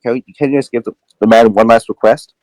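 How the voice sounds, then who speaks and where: A man's voice: mid-range voice, steady tone, fast, darkish tone, no room sound, voice pushed up, lightly acted, poor audio. A man voicing an earnest, pleading son. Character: loyal, pleading adult son.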